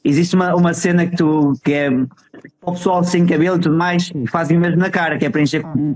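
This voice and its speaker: Higher-pitched European Portuguese man hosting casually. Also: fairly even intonation, fairly quick, darkish tone, rough recording. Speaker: host. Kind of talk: casual chat.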